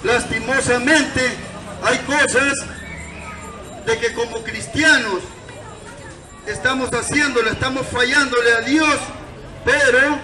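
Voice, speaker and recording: Bright and forceful, with fairly even intonation, a high-pitched Salvadoran man explains scripture in an open-air sermon from a town-square gazebo, using short, declamatory phrases. The distant camera recording is echoey and noisy, with traffic and a crowd behind him.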